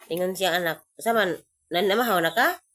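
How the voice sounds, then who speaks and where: A woman with a Visayan Filipino accent who has just woken up, chatting casually in a home vlog, groggy, hoarse and congested from a cold. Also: on the low side, brisk, fairly bright tone. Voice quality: stuffy nasal, congested. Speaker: vlogger. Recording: noisy home recording. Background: noisy chickens.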